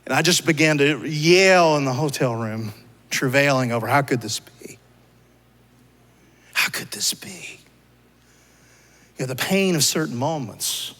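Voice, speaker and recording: A pastor delivers a sermon in a conversational style, posing rhetorical questions to the congregation. His male voice is a bit high with a fairly bright tone, and the church sanctuary gives the recording a long hall reverb.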